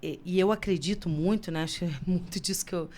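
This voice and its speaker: A woman teacher, telling classroom stories in a relaxed podcast chat, emotional and lively. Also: on the low side, fast. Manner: animated storyteller who gets emotional.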